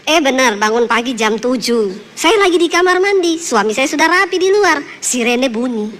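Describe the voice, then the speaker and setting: A woman pastor preaching a sermon, telling lively, joking anecdotes to her congregation. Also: sits high, moderate pace. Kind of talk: sermon with humorous storytelling.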